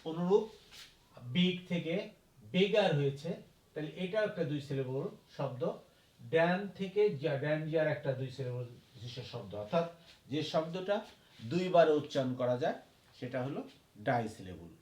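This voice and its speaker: A man teaching a grammar lesson at a board. He talks slowly, repeats each point and spells words out letter by letter. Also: a little high, expressive, a little mellow, echoey room. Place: classroom.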